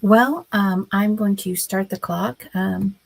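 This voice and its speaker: Slow and halting, with many pauses, a woman hosts a relaxed writing livestream while her voice is scratchy from a cold. She speaks at a medium pitch with vocal fry, and the recording has no room sound.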